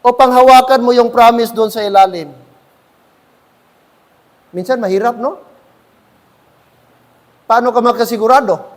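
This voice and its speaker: A man's voice: very high-pitched, unhurried, long pauses, big-room sound. A man with a Filipino accent preaching a sermon as pastor, switching between Tagalog and English and often calling out to the congregation. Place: church.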